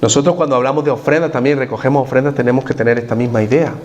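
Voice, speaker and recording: A man's voice: medium pitch, fairly even intonation, racing, darkish tone, muffled recording, slight background noise. A man preaching a sermon as pastor in a church, putting questions to the congregation and repeating his key points.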